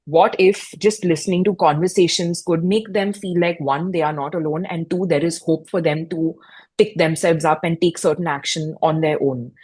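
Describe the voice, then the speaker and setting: A woman's voice: low voice, fairly even intonation, moderate pace, a little mellow, slightly rough. A young woman, a guest in a fireside chat, reflecting on her own experiences in a personal, storytelling way with frequent restarts. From India. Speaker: guest, mental health podcast host.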